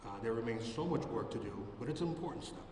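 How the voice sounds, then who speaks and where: A man's voice: mid-range voice, expressive, fast talker. A man from South Providence, a state representative, giving a speech at a press conference, with some hesitations and fillers. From South Providence, Rhode Island. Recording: echoey hall from far off with noise.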